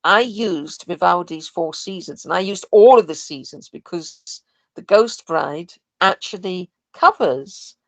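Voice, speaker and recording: On a podcast, a woman who designs sound and music for audio dramas chats casually and thoughtfully about her work as a guest. Her voice is lowish, with no echo.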